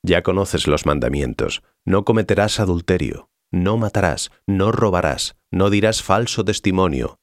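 A man voicing Jesus as a calm, solemn teacher, measured in delivery, in an audiobook reading. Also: low-pitched, no room sound, clean studio sound.

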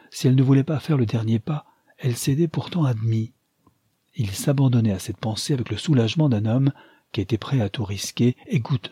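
A man reading a novel aloud as audiobook narrator, measured and calm, with a husky voice. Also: on the low side, no echo, studio quality. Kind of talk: scripted literary narration.

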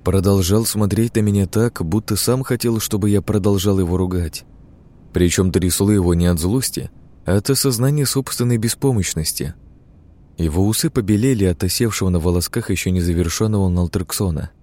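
A man reading a novel aloud in first person, steady and measured. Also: deep voice. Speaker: audiobook narrator. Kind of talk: first-person scripted narration.

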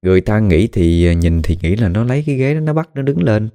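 Guy telling a ghost story, real low dark voice, chatty with lots of exclamations. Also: brisk. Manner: colloquial, with dramatic exclamations. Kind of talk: spoken ghost story narration.

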